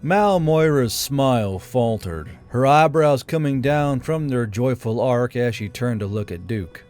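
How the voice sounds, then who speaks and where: An amateur author narrates his own fiction audiobook and hosts the channel, adding informal shout-outs to members over background music. His medium-pitched voice is expressive and darkish, delivered at a measured pace.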